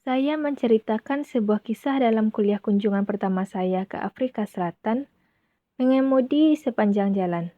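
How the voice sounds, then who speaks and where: A woman reading a translated voice-over in a steady manner. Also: a little high, moderate pace, no room sound. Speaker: voice-over interpreter. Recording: dull, dry lo-fi recording.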